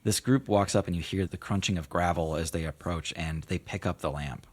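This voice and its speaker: A man narrating a tabletop game as game master in a casual, halting, improvised way. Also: low voice.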